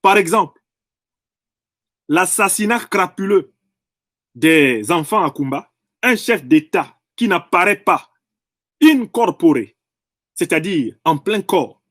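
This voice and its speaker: A man speaks in an emphatic, professorial monologue, rephrasing and repeating phrases to press each point. His voice sits high for a man and swings widely in pitch. The recording is dry and close, with no room sound. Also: lively intonation, slow pace, pauses often, fairly bright tone, dry recording. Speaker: political commentator. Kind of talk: impassioned political monologue.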